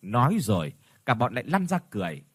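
A man tells a ghost story with expressive storytelling and a husky, animated voice. The recording is dry and close, with no room sound. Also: mid-range voice, fast talker, no echo.

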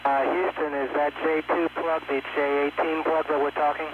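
A man's voice: on the high side, flat delivery. Guy on a crackly space radio link, tinny, lots of uhs, clipped radio talk. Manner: clipped radio procedure, halting with frequent uhs. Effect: crackly radio link from a spacecraft in orbit. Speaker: spacecraft crew member. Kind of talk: radio voice loop.

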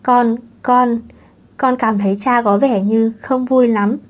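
A woman's voice: on the high side, steady tone, takes it slowly. A woman reading as a tearful little boy. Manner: soft, tearful pleading. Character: little boy longing for his father.

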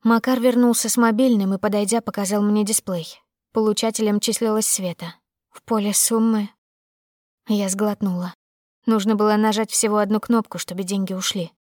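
A woman narrating a first-person audiobook in a steady, emotive storytelling manner. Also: mid-range voice, normal speed, no room sound, clean studio sound.

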